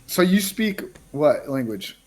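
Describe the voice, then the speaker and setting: A man's voice: fairly high pitch, very animated, takes it slowly, a little mellow. A man from the United States, hosting a casual interview chat, talking in a laid-back, slangy way full of "bro" and "like". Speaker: podcast host and music producer.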